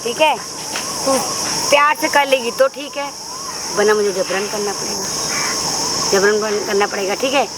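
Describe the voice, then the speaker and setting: A woman's voice: medium pitch, normal speed, long pauses, close to an everyday voice. A woman playing a cruel older mother-in-law, taunting and bullying her son's wife in a staged outdoor confrontation. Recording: outdoor noise, crickets and insects.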